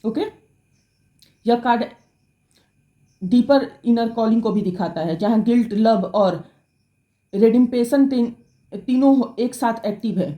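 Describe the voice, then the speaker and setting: A woman gives a fast tarot reading straight to her viewers, often correcting herself as she goes. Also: on the high side, echoey room, dull audio. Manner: rapid, self-correcting, addresses viewers directly. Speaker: tarot reader.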